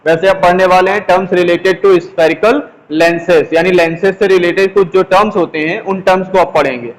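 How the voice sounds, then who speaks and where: A man teaches a class in a high, steady voice that stays on an even pitch. He goes slowly, repeating each key term and putting questions to his students. His voice rings with a long reverb, as in a hall. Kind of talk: classroom lesson, explaining while writing on a board.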